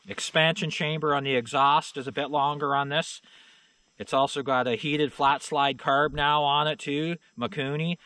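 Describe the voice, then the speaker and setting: This middle-aged man's voice sits fairly high, bright and forceful, with a steady tone and moderate pace, captured in a dry recording. As a channel host, he rambles casually while showing off snowmobiles outside in a snowy yard. His folksy, plain-spoken talk is loaded with fillers like "you know" and "uh."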